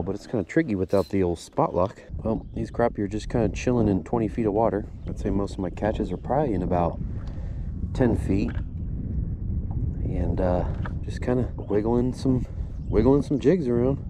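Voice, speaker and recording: A man, giving casual, upbeat commentary from a boat while fishing, recorded on an action camera outdoors. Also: background noise. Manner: laid-back, upbeat, says "boom" a lot. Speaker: fishing channel host.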